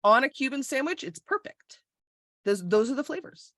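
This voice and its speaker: A Florida woman with a high, very animated, slightly bright voice co-hosts a podcast at a normal pace. Recorded over a video call yet sounding studio-quality with no echo, she chats bluntly and casually, swearing freely and laughing often.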